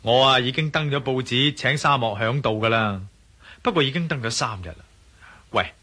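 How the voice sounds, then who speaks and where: In a Cantonese radio drama, an actor with a Hong Kong Cantonese accent plays a confident, determined adventurer hero, sounding breezy and assured. His male voice is medium-pitched, bright and forceful, at a normal speed.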